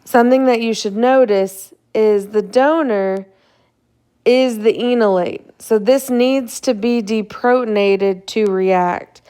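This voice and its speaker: A woman's voice: fairly high pitch, takes it slowly, mellow, clean tone. A young woman who is a chemistry instructor, giving a casual recorded lecture over slides, a bit tired and yawning, with fillers and checks like "right?".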